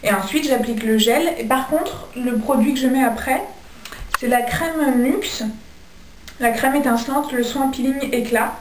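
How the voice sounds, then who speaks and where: A woman's voice: high-pitched, measured pace, slight background noise. Chatty young Frenchwoman, echoey room. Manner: chatty, frequent hesitations. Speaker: beauty vlogger. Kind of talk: casual skincare review. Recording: echoey room, mic at a distance.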